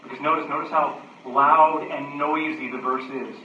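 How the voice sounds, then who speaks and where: A man preaching a sermon as pastor, swinging from booming emphasis to hushed near-whispers and driving home repeated rhetorical questions and refrains. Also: steady tone, normal speed, a little hiss or hum. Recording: roomy echo, distant lo-fi room recording.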